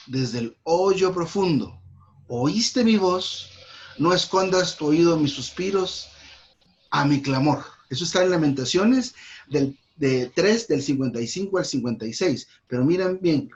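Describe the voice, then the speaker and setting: A man with a Guatemalan accent leading a church Bible study, reading verses and explaining them slowly, repeating key words for emphasis. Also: fairly high pitch. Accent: Guatemalan Spanish. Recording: dull lo-fi recording.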